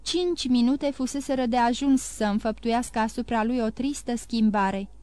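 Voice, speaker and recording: Woman, audiobook narrator, steady even reading, slightly high voice, dry close recording. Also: dry recording. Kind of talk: scripted narration of a classic novel.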